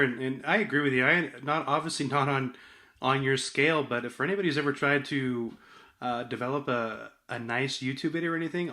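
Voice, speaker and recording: A man's voice: mid-range voice, sharp tone. A man with a mid-range voice hosts a podcast interview. He asks friendly, loosely worded questions in an easy, conversational way. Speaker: podcast host.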